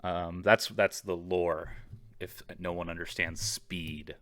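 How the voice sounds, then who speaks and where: A man's voice: sits low, fairly even intonation, slow, a bit bright, no room sound, studio quality. A man co-hosting a podcast over a video call, chatting casually, joking and swearing freely. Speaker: podcast co-host. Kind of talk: casual chat. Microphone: video call microphone.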